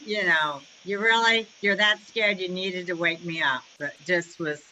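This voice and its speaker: A church class member speaking in an amused, animated way. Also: medium pitch, measured pace, a little hiss or hum, poor audio. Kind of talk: casual group discussion.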